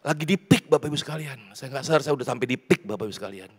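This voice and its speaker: A man from South Sumatra preaching a sermon to his congregation, swinging between loud pleading and hushed prayer. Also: medium pitch, animated, very fast, husky. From South Sumatra, Indonesia. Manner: repeats words, addresses congregation directly. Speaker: pastor. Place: church.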